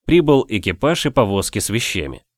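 A man narrating a novel as an audiobook in expressive storytelling. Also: lowish voice, fairly quick, no room sound, clean studio sound.

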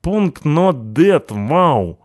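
A man voicing an excitable young male punk who talks in gushing slang. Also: on the high side, a little slow, no room sound, clean studio sound, pitched above the performer's own voice. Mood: excited gushing.

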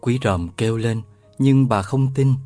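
A man narrating a children's novel aloud in a lively storytelling manner. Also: medium pitch, a little slow, faint music behind. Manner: lively storytelling, voices all the characters. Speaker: audiobook narrator.

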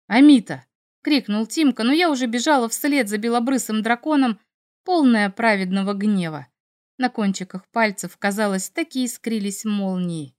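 A woman reading a fantasy audiobook in the first person with a lively, expressive delivery. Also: on the high side, moderate pace. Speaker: audiobook narrator.

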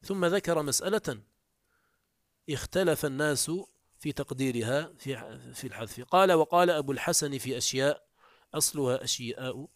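In a dry, studio-quality recording, a man speaks fairly quickly but with long pauses as he teaches Arabic morphology. He reads classical passages aloud, explains them one step at a time, and raises his pitch sharply when introducing quotes, as a text commentary lesson.

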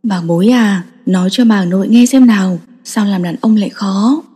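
A woman voicing a loving, patient grandmother who coaxes gently in a soft voice. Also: mid-range voice, normal speed, husky, natural voice. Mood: coaxing. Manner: soft, coaxing. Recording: long reverb.

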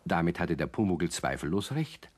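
Very animated at a normal speed, a man with a low voice narrates a children's radio play over slight background noise. He plays the avuncular, gently wry storyteller who talks directly to the kids listening.

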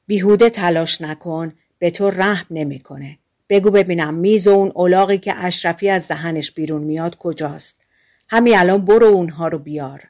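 A woman's voice: lowish voice, darkish tone, natural voice. A woman voicing a firm young man in an audiobook fairy tale, speaking in a stern, commanding way.

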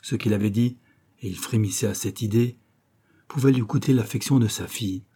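A man narrating a classic novel as an audiobook, in a measured, even storytelling voice. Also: lowish voice, slightly rough. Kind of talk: scripted literary narration.

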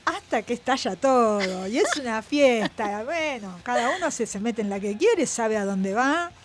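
An Argentine woman co-hosting a radio show, telling a concert story in an animated, chatty way full of quick restarts. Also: a little high, background noise. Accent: Argentine Spanish. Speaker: radio co-host and concert reporter. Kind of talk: casual radio chat.

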